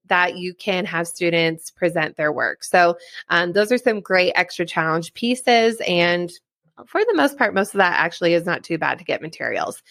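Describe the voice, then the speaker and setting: A woman's voice: on the low side, a bit bright, no room sound. A woman STEM educator giving an upbeat, chatty online summit presentation, now and then laughing at herself. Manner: upbeat, chatty, with light self-deprecating laughs. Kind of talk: presentation talk.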